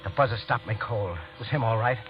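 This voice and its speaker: On a dull old radio recording with music, a man with a lowish, lightly acted voice narrates in the first person as a guilty fugitive after a killing. It is 1940s-50s thriller acting, haunted and brooding, delivered tensely and hurriedly, and he stammers under questioning.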